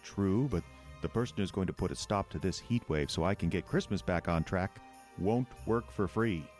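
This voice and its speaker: A man's voice: sits low, moderate pace, a little mellow, lightly acted. A man playing a genial, busy Santa in a radio play, with music behind the voice. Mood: genial, earnest. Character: genial, busy Santa Claus, weary of money worries. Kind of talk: radio-play character acting.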